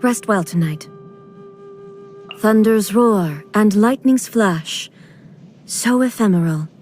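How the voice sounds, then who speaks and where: A woman voicing a regal, aloof lightning deity shogun in a video game, speaking formally and deliberately in a measured, lofty manner. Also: medium pitch, animated, darkish tone, faint music behind. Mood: solemn, imperious. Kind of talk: scripted video game character voice lines.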